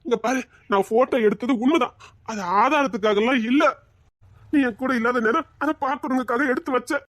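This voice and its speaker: A woman's voice: high-pitched, a little fast, no echo, clean studio sound. A woman playing a panicked young boyfriend who speaks with a Tirunelveli Tamil accent and keeps wailing and begging to be believed. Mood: frantic pleading. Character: panicked young male boyfriend, pleading and guilt-ridden.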